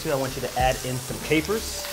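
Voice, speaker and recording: An energetic man in his thirties hosts a cooking segment, steering his guest with quick friendly commands. His voice sits mid-range, recorded on a lapel mic in a studio kitchen. Clear background music runs underneath. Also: medium pitch, poor audio. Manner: upbeat, directive, chatty. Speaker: cooking show host. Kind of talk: instructing a guest while cooking.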